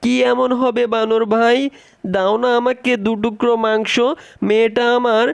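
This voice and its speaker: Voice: mid-range voice, little pitch movement, moderate pace, creaky, clear, resonant tone, dry recording, lightly acted. A performer voicing a poor, humble male fox father in a cartoon, speaking in a pleading, sorrowful way. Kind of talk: cartoon voice acting.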